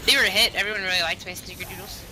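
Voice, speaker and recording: A woman's voice: medium pitch, steady tone, very fast, rough recording. A woman chatting casually with friends over voice chat while playing a game, giggly and eating as she talks.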